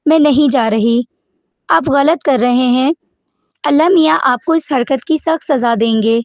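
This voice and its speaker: A woman's voice: high-pitched, dry recording. A woman reading the lines of a stubborn, childish young woman who pouts and pleads, in a dull lo-fi recording. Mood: sulky. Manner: pouting, pleading.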